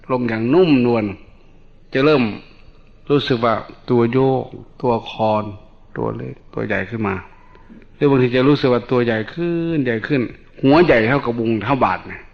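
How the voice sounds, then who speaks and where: Monk, lo-fi. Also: male voice, medium pitch. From Northeast Thailand. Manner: calm explaining, mixes in English terms. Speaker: Buddhist monk teacher. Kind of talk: dharma talk on meditation. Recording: dull lo-fi recording.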